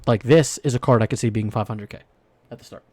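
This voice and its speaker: A young man talks in a rambling, excitable way as he co-hosts a casual podcast, trailing off and restarting his thoughts. His voice sits at a middling pitch, and the recording is close and very dry, with no room sound at all. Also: fast, no echo. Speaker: podcast co-host. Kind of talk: casual chat about football cards.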